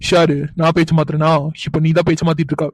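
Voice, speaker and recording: A man voices a young cartoon man who speaks quickly in a flat, even tone. He pleads and apologizes to his partner. The sound is dry and close to the mic. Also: on the high side, dry recording, natural voice. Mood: defensive. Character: young man Karthik, remorseful fiancé. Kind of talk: cartoon dubbing.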